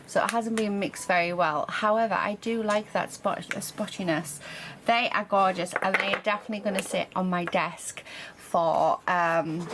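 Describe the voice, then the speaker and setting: A British woman casually chatting and thinking aloud as she demonstrates a craft, in the manner of a hands-on vlogger. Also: fairly low pitch. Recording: clear background noise. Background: printer running in the background in part.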